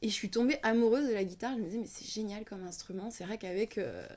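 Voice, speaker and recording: A woman's voice: medium pitch, quick pace, a little mellow. Reflective young woman, hesitant speech. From Ukrainian family background, raised in France. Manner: thoughtful, hesitant with many fillers, drops to near-whisper at times. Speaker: singer and singing teacher being interviewed. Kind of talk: casual interview talk.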